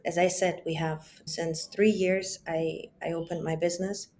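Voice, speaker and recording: Speaking from home with kids in the background, this German-raised woman in her forties, a psychologist who founded a business, is a guest on a casual interview via remote call. She's reflective, frequently restarting and adding asides, in a lowish, somewhat mellow voice with flat delivery and a measured pace. A faint hiss or hum is present.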